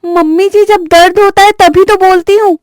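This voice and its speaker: A woman's voice: very high voice, steady tone, moderate pace, no room sound, clean studio sound, voice pushed up. Woman doing a whiny lazy young bride.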